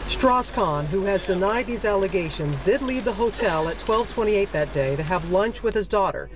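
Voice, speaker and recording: A woman narrating a news report in a measured, scripted tone. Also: mid-range voice, animated, a crowd in the background. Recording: distant voice, noisy background.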